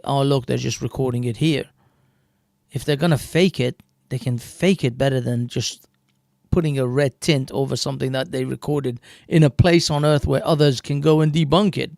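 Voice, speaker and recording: A man's voice: mid-range voice, creaky, darkish tone, no echo, studio quality. A man with a British accent, hosting a livestream and arguing his point in casual commentary, laughing at his own jokes. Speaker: livestream host.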